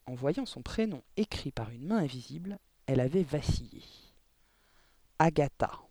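A man reading a children's novel aloud in a measured way, adding short explanatory asides. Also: mid-range voice, expressive, warm tone, no room sound. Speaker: audiobook narrator.

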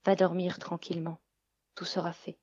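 A woman voicing a calm little magic doll in a storybook reading, soft and reassuring. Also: lowish voice, moderate pace, husky, no room sound, highs cut off. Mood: soothing.

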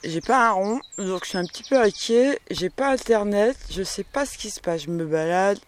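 High-voiced man grumbling in slang. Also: lively intonation, moderate pace, slight background noise. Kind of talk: casual spoken diary. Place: outdoors in the countryside.

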